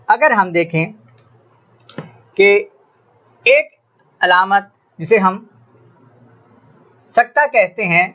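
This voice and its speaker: A man with a high, slightly bright voice teaches an Urdu grammar lesson, addressing his students formally and raising his voice to stress his examples. The sound is lo-fi.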